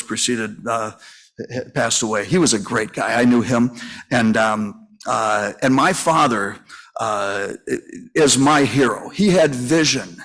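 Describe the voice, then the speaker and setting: A man's voice: mid-range voice, fairly bright tone. Rambling folksy man in his sixties. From Minnesota, US. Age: 60s. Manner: folksy, rambling storytelling with many fillers and restarts. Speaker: funeral home owner and conference speaker. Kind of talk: conference breakout talk. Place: conference session room.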